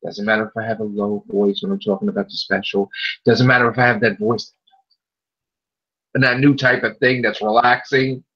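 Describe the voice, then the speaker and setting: On a podcast, a male co-host argues his opinions strongly in a casual chat, frequently restating a point to stress it. His lowish voice is husky with a sharp tone, fairly even intonation and normal speed, heard through muffled lo-fi audio.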